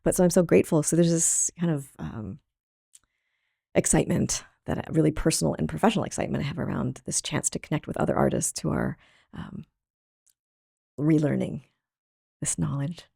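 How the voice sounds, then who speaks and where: Low gravelly woman, reflective artist. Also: dark tone, no room sound, studio quality. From Thailand. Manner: thoughtful, halting, laughs easily. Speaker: artist guest. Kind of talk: reflective interview talk.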